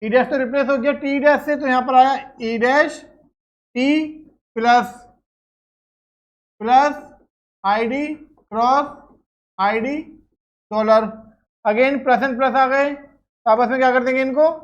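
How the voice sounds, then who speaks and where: Woman teacher, slow careful lecture, high voice, muffled lo-fi sound. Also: fairly even intonation. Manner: explains step by step, checks with "clear?". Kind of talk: classroom lecture.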